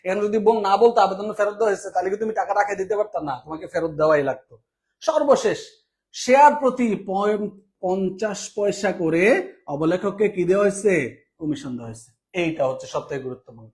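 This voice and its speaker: A man from Bangladesh delivers an exam-prep accounting lecture. He moves at a fast clip, firing questions at students and answering them himself in a teaching tone. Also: high voice, a little mellow.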